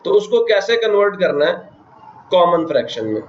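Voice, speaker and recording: This is a classroom math lecture from a Pakistani man whose voice sits high and swings widely in pitch at a moderate pace. He frequently questions students and counts places aloud, with slight background noise in a dull, lo-fi, echoey room.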